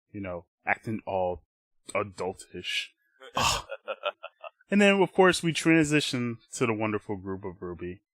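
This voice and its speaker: Brief: young male podcast co-host, casual and rambling, animated pitch, dry close sound. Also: slow, long pauses, dry recording. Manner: rambling, acts out characters' lines in playful voices. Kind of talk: casual recap chat.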